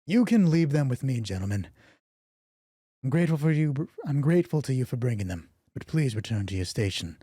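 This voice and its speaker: A man's voice: mid-range voice, moderate pace, pauses often, dark tone, breathy edge, dry recording, clean studio sound, lightly acted. A man voicing a friendly, overly formal male guard captain in his tabletop game, with a stumbling, ceremonious welcome. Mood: welcoming.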